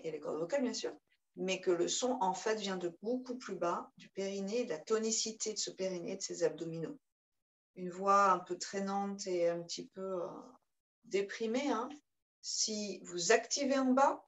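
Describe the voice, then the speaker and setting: A woman's voice: mid-range voice, poor audio. Woman guiding a yoga class. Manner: calm, guiding cues with rhythmic chanted breath sounds. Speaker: yoga teacher. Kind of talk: guided yoga class instruction.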